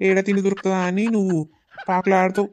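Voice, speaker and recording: A woman's voice: medium pitch, monotone, fast, a little mellow, a little hiss or hum, lightly acted. A woman playing a gossiping village woman with a Telangana Telugu accent, talking in a chatty, nosy way.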